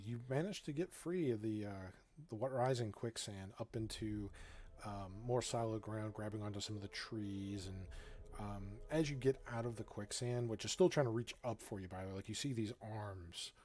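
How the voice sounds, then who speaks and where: A man narrating a tabletop game as game master, improvising haltingly with pauses mid-sentence. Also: on the low side, a little mellow, faint music behind.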